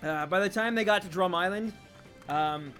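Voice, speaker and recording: A man chatting casually on a live stream, reading out chat in an animated, talkative way. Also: high-pitched, normal speed, faint music behind.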